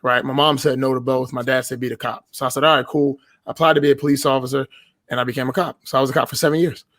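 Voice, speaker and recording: A man's voice: mid-range voice, fairly even intonation, rapid-fire, fairly bright tone, no room sound. A man in his thirties, a podcast guest, telling casual stories in a blunt, profane way and often laughing as he talks. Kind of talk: casual storytelling.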